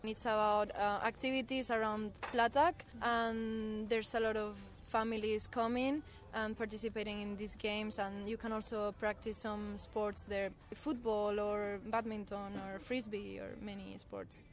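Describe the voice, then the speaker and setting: A woman's voice: medium pitch, level tone, measured pace, few pauses. A woman in her twenties from southern Spain with a Spanish accent, answering radio interview questions in a hesitant way. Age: 20s. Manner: hesitant, with fillers. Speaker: guest volunteer.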